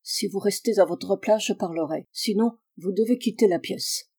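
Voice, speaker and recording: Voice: medium pitch, normal speed, darkish tone, no room sound, close to an everyday voice. Un lecteur qui fait parler un détective malade et autoritaire, d'un ton sec et impérieux. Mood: feverish. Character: feverish, imperious male detective, commanding.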